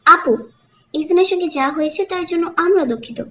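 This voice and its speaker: A woman's voice: fairly high pitch, fast, darkish tone, voice pushed down, lightly acted. A woman voicing a guilty young husband who speaks through clenched teeth, in an audiobook. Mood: tense.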